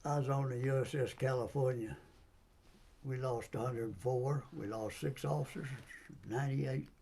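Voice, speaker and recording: An older navy veteran giving a slow, plain-spoken oral history recollection. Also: male voice, medium pitch, steady tone, creaky, mellow. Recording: faint background noise.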